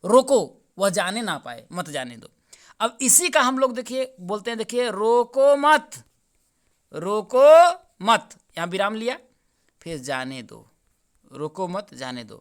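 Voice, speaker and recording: A man's voice: sits high, sharp tone. A man teaching, working through a paper's answers and repeatedly asking his students questions. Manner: repeats questions to students, addresses them as friends. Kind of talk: exam paper solution lesson.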